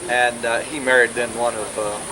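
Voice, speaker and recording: A man, talking informally to relatives at a family gathering in a rambling way with many pauses, heard on an old VHS home video. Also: mid-range voice, level tone, a loud crowd, poor audio. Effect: old VHS home video sound. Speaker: family historian speaking at a birthday gathering.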